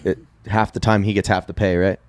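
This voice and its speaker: A man's voice: fairly low pitch, level tone, fairly quick, no echo. A young man hosting a podcast, joking and teasing in casual banter. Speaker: podcast host.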